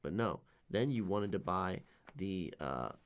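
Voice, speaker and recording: A young man, a podcast co-host, talking in a casual, jokey chat that swings between loud and quiet. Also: low-pitched, lively intonation, a little slow.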